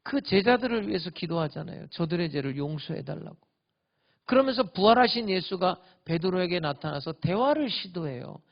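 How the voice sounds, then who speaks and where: A male pastor preaching a sermon, swinging between loud emphatic lines and hushed whispers. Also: sits high, expressive, normal speed, vocal fry, muffled recording. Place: church sanctuary.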